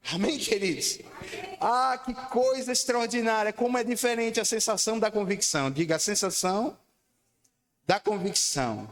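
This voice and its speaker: Male pastor, higher voice, emphatic sermon, echoing church hall. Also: moderate pace. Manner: emphatic, calls for congregation responses; swings between loud high declarations and low quiet lines. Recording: long church hall reverb.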